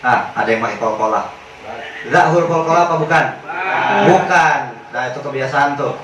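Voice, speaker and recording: A man teaching Quran recitation rules in casual slang, joking with his class and chanting drawn-out examples. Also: fairly high pitch, background noise. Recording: very echoey hall, mic at a distance.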